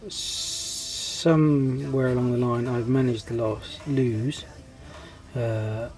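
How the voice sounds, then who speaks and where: This low-quality recording captures a man with a cold, his voice fading, giving a hesitant, ums-filled update on his scale model hobby channel. He takes it slowly in a steady, mid-range voice over music.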